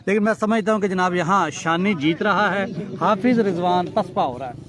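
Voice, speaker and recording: A man giving lively, joking live commentary at a local cricket match, tossing in English cricket phrases. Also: sits high, normal speed. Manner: excitable, jokey, mixes English cricket phrases. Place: outdoor cricket ground. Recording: loud crowd around the mic. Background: crowd.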